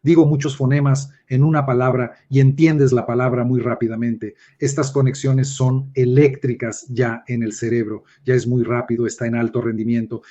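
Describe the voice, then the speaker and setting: A man's voice: medium pitch, mellow. A man teaching a reflective spoken lesson, speaking directly to the listener in a musing way. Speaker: lecturer.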